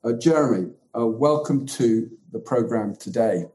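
A man's voice: mid-range voice, lively intonation, measured pace, warm tone. A man hosting an interview podcast, speaking a little hesitantly and repeating his phrases. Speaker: podcast host.

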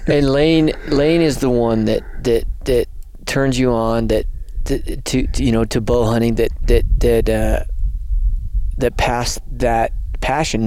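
A man hosting a casual interview, halting and often repeating his words. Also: mid-range voice, a little mellow. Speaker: host.

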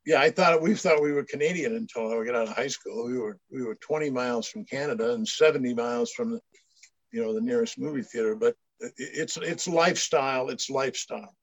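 An older man from Maine, USA, a guest in a casual chat, rambles through stories with frequent restarts. His mid-range voice is creaky and brisk with big pitch swings, and the recording is dull, lo-fi and dry with no echo.

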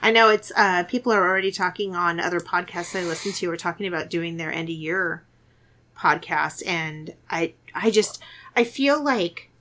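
A woman hosts a podcast, chatting casually about horror films, laughing often and restarting her sentences. Her voice is fairly low-pitched and a bit bright, and she talks at a normal speed.

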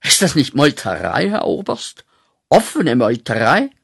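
A man acting a guilt-ridden corporal back from the war, in a radio play, speaking with slow, intense, declaiming rhythm. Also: medium pitch, wildly swooping pitch, creaky, breathy edge, no echo, studio quality, exaggerated voice. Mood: haunted.

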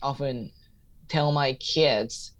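A man in his thirties, both comedian and teacher, speaks extremely slowly in a medium-pitched voice as he answers interview questions. Casual and thoughtful, he often repeats a point while trying to find the right words.

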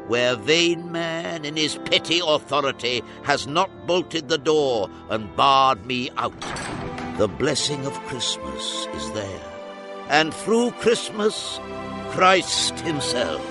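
An actor playing a grand, solemn ghost in a radio drama, declaiming with urgent, rebuking oratory. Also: male voice, fairly high pitch, animated, slow pace. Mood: solemn, exalted. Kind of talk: theatrical radio drama acting. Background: music.

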